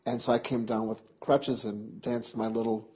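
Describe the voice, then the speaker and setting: A man close to sixty with a Minnesotan accent talks in a husky, slightly breathy voice. He tells his stories with animation and frequent laughter, in a relaxed conversation recorded for an oral history interview. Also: medium pitch, normal speed, poor audio. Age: 50s. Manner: lively, laughs often, animated storytelling. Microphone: close interview mic.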